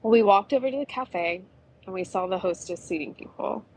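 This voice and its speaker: A woman's voice: mid-range voice, a little fast, creaky, a little mellow, breathy edge, rough recording. A woman narrating an adventure story in a chatty, conversational way. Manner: chatty, with frequent "you know".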